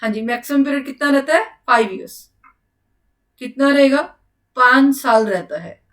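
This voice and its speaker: A woman's voice: high voice, moderate pace, a bit bright. A young woman teaching an exam-prep lesson, who keeps asking the class questions and answering them herself, with English terms mixed in. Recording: voice a little far from the mic.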